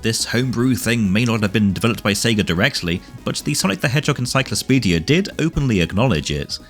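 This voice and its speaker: A man's voice: fairly low pitch, lively intonation, quick pace. A man narrating a scripted game retrospective with wry, dry asides over background music. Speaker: video game reviewer and narrator. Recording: music behind the voice.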